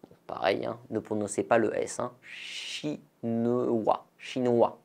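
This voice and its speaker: A man from France teaching a beginner French lesson, slowly and carefully repeating model phrases for learners. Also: fairly low pitch, flat delivery, gravelly.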